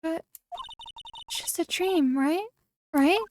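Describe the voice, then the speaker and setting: A woman voicing a composed young male prosecutor haunted by guilt, reading game lines in a quiet, low-key confessional way. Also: slow pace, background noise. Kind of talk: reading game dialogue aloud.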